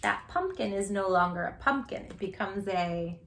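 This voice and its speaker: A storytime host with a medium-pitched voice speaks at a normal speed, with a little hiss or hum on the recording. She reads a picture book aloud expressively, playfully and animatedly talking straight to the children.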